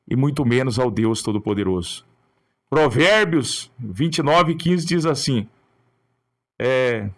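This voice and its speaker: A man's voice: a little high, fairly bright tone. A male pastor preaching in short, earnest, admonishing phrases, often ending with a questioning tag. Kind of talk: sermon on raising children.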